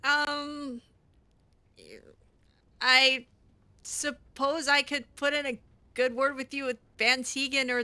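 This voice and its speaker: This gamer voices a mage heroine as she roleplays through a fantasy game, improvising with hesitant, dry sarcasm. She speaks in a high, sharp voice.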